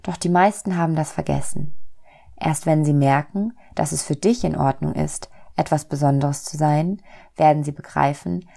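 A woman voicing a kind, calm and patient God in a storybook reading, explaining gently. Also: low voice, normal speed, creaky.

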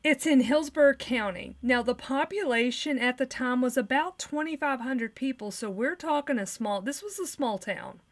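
Woman podcaster reading out a crime case, slightly high voice, steady. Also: normal speed, few pauses. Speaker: podcast co-host. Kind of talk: casual chat and true crime narration.

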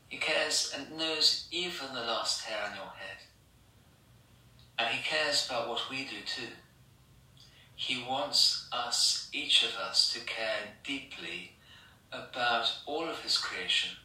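English male priest, sermon, slow and insistent, distant roomy church sound. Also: mid-range voice, sharp tone. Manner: measured, repetitive rhetorical questions and lists. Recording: echoey church from far off.

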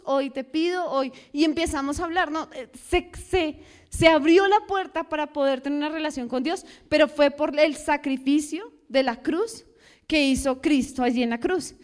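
A young woman with a high voice preaches a sermon in a church. She keeps firing questions at the congregation and acts out the voices she quotes. Her delivery is animated.

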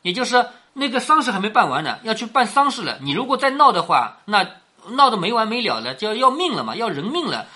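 A man's voice: high-pitched, big pitch swings, fast talker, bright, forceful tone. A man hosting a show that explains a classic novel, retelling scenes in a colloquial storytelling style and often asking the listener rhetorical questions.

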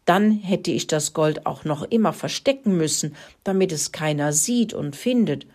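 A woman's voice: sits low, animated, moderate pace, darkish tone. A woman voicing a nervous, fibbing hen in a storybook reading, stammering and flustered. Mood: relieved.

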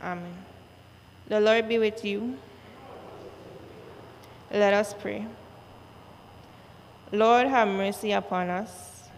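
Woman reading church prayers real slow, long cathedral echo all around her. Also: medium pitch, fairly even intonation. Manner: slow, measured recitation. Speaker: worship leader. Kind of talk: reciting church liturgy. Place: large church. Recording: long church reverb, faint noise.

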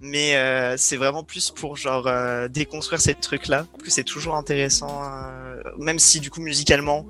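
A man presenting a music segment on a podcast in casual chat, hesitant, with many filler pauses and restarts. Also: mid-range voice, level tone, sharp tone.

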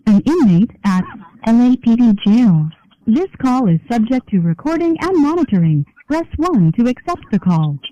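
An automated woman's voice reading a recorded announcement on a prison phone line, with slow, measured prompts. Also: on the high side, very animated, warm tone. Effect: recorded message on a prison phone line.

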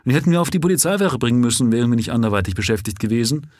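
A man voicing an excitable, gruff police constable with a husky voice in a live-read story. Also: mid-range voice, rapid-fire, no echo, studio quality, natural voice. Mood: indignant. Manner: agitated, raised and indignant.

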